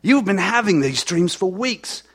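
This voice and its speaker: Man doing a calm mysterious elder, high-ish voice, slow and knowing. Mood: solemn. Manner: measured, solemn, knowing. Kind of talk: live audio drama acting.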